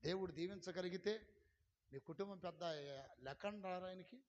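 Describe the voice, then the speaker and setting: A man preaching a sermon in a high voice. He drops to low, close talk, then bursts into loud calls and questions to the congregation. The recording is dull and lo-fi. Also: normal speed, a little hiss or hum. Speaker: pastor.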